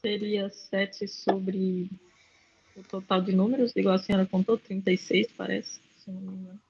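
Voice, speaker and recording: Husky-voiced woman student, unsure answers. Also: mid-range voice, level tone, moderate pace, a little mellow, lo-fi sound. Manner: hesitant, tentative answers. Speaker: adult student. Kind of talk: answering in an online class. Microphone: video call.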